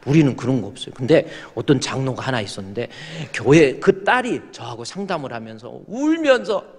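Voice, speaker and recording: A male pastor preaching a sermon, animated and acting out the voices he quotes, swinging from hushed asides to shouts. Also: medium pitch, fairly quick, breathy edge. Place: church sanctuary. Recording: long church reverb.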